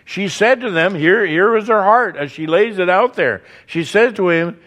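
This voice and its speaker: Earnest male preacher, somewhat high voice. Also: normal speed, a bit bright. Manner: earnest, building emphasis with repetition. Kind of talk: sermon.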